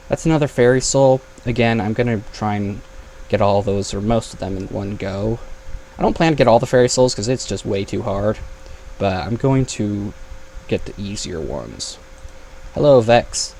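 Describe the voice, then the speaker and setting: Casting note: young male gamer, gravelly edge, chatty and thinking aloud, faint hiss behind. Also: on the low side, a little mellow. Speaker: gaming YouTuber. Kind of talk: casual gameplay commentary.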